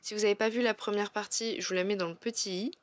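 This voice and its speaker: A woman art vlogger talking casually through her drawings, chatty and halting with frequent fillers and restarts, and frankly self-critical about her work. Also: medium pitch, fairly even intonation, no room sound.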